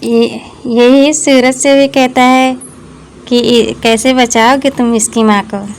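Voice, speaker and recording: A woman slowly retelling a TV serial's plot in a casual, halting way, with many pauses. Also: fairly high pitch, fairly even intonation, slight background noise. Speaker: TV serial recap narrator. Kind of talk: casual spoken story recap.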